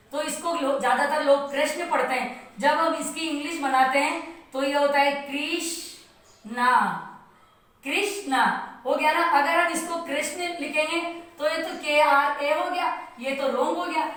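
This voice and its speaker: Slow-spoken woman teacher, high voice. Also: a bit bright. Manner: slow, patient explaining. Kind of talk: home video lesson. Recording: echoey room, from a distance.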